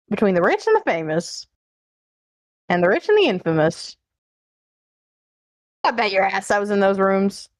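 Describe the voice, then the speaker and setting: A woman's voice: mid-range voice, no room sound, clean studio sound, natural voice. Woman acting a smug, wisecracking lawyer to the rich. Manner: wry, flippant, wisecracking. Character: smug, worldly female lawyer to the rich and infamous. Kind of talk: fan dub character acting.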